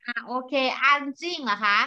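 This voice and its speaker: Young female teacher on a video call, bright and crisp, patient, spells everything out slowly, dull lo-fi audio. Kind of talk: online classroom lesson.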